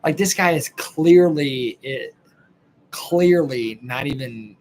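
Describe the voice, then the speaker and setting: A Texan podcast host in his late twenties reacts to a clip with blunt, rambling commentary peppered with swearing, sounding tired late at night. His medium-pitched voice is slow and darkish, with a little hiss or hum in the audio.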